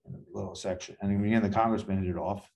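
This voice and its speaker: A man's voice: on the low side, little pitch movement, rapid-fire, vocal fry, a little mellow. A man, a podcast guest telling rambling anecdotes and acting out the dialogue in them. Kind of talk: casual storytelling interview.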